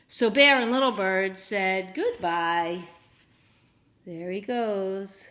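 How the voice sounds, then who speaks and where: Reading aloud to little kids at an unhurried pace, a woman speaks in a medium-pitched voice. Her delivery is lively and supportive, and she regularly poses questions to her young audience.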